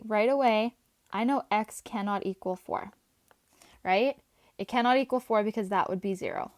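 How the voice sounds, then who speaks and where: A woman teaching a math class, chatty and talking her students through each step as she writes, her voice a little hoarse. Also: medium pitch, dry recording, studio quality. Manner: chatty, talks while writing, asides to students. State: voice going, slightly hoarse.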